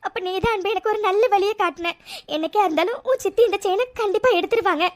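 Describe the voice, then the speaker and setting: A woman's voice: very high-pitched, fast talker. A woman voicing a sincere young woman in a cartoon, tearful and pleading, often repeating her words. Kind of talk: cartoon voice acting.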